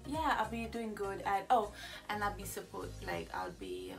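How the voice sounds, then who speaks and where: A young Italian woman, a YouTuber, chats casually in a get-to-know-me vlog from a small room, rambling with plenty of fillers and restarts. Her mid-range voice swoops wildly in pitch at a normal speed, and she sounds far from the mic with music playing behind her.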